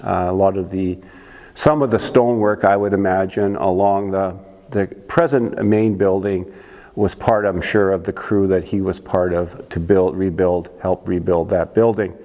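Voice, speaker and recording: A man in his sixties with a Canadian accent, hosting a church talk show in a rambling, unhurried monologue. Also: sits low, fairly even intonation, warm tone, in a large hall. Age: 60s. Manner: rambling, unhurried, frequent restarts and uhs. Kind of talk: casual monologue to camera.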